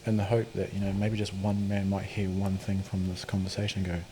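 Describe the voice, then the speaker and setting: A man with a gravelly voice, talking casually and reflectively as a podcast guest in an earnest, matey way. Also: low voice, completely flat delivery, brisk, warm tone. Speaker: podcast guest, men's mental health advocate. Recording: clearly audible ambient background noise.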